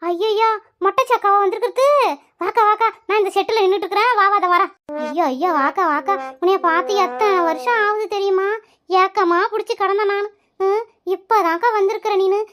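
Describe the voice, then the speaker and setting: A shrill, grumbling old widow from a village cartoon, voiced by a woman. She complains endlessly about her daughter-in-law in a nasal, squeaky old voice and scolds whoever is near. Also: a little fast, a bit bright. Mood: welcoming. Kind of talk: cartoon voice acting.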